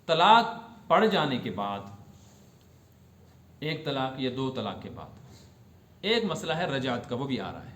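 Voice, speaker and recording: A man's voice: fairly high pitch, a bit bright, echoey room, a little hiss or hum. A man giving a religious lesson, explaining rulings step by step and asking his students whether they have understood. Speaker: religious teacher.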